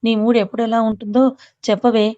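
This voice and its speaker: Doting young husband, voiced by a woman narrator, coaxing, affectionate, mellow, dull lo-fi. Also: on the high side, flat delivery, fast, natural voice. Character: doting young husband, patient but short-fused.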